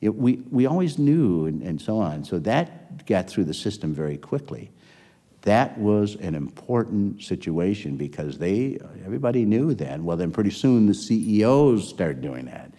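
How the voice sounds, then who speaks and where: A man's voice: lowish voice, big pitch swings, normal speed, warm tone. An older man being interviewed about his career, telling stories at a rambling pace, with many restarts. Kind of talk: oral history interview storytelling. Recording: long hall reverb.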